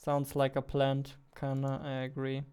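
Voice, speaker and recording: This twentysomething game developer and streamer has a mid-range, smooth, slightly mellow voice and speaks a little slowly in a monotone. He mutters and repeats words as he live-codes and chats casually at a computer in a small room, with keys clicking and faint music behind him.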